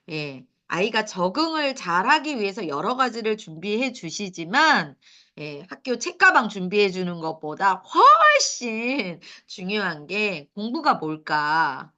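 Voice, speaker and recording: A woman's voice: medium pitch, pushed and bright. A middle-aged woman giving a lecture to mothers, asking the audience questions and laughing at her own points. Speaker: lecturer for parents.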